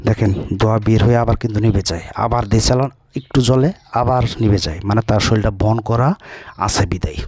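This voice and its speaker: A man working as a folk healer, giving blunt, scolding instructions in a video and chanting spells slowly at times. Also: on the low side, a little mellow.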